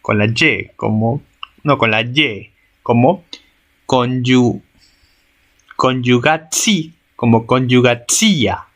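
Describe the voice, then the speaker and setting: Slow, hesitant man reading grammar. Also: mid-range voice, fairly bright tone. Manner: hesitant, repeats and corrects himself. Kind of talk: reading a grammar text aloud.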